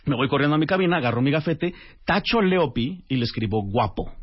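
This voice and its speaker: A man, a radio guest telling a lively anecdote and acting out the dialogue. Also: on the high side, a little fast, husky. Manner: animated storyteller acting out dialogue. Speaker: radio guest, author and translator. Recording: dull lo-fi radio audio.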